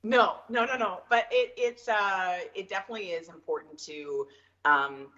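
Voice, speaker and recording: A woman's voice: mid-range voice, normal speed, sharp tone, dull audio. A Canadian woman speaking as a guest in an interview, chatty, with many fillers and easy laughter. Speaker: guest realtor. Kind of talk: casual interview.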